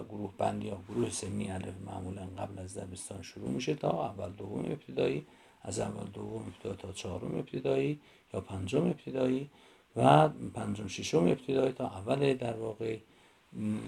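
A man giving a lecture, stressing and repeating the key points and reading children's poems aloud slowly. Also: lowish voice, gravelly, dark tone, slightly rough. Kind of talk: university lecture.

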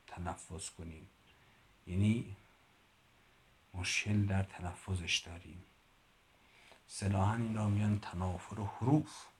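A man's voice: lowish voice, gravelly, a little hiss or hum. A man teaching a literature lesson. He reads classical prose aloud, explains it in plain speech, and stops to correct his own pronunciation. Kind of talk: explaining a classical Persian text line by line.

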